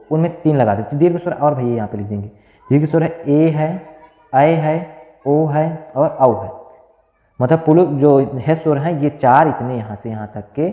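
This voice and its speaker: Male grammar teacher, drills terms with rhetorical questions, tinny phone-like audio, long reverb. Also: mid-range voice. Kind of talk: grammar lesson at a board. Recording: echoey room, tinny phone-like sound.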